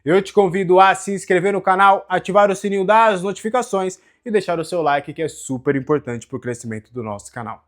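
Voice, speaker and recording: A Brazilian man presents football news as a journalist hosting his own channel. His pitch is high for a male voice, and his delivery is conversational commentary with a Brazilian Portuguese accent. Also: a little fast, few pauses. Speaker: sports journalist and channel host.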